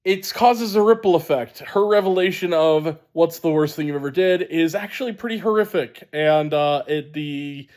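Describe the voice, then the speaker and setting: A man with a wheezy, sinus-congested voice gives a casual spoken movie review in an emphatic, halting way. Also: on the high side, a little mellow. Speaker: film reviewer.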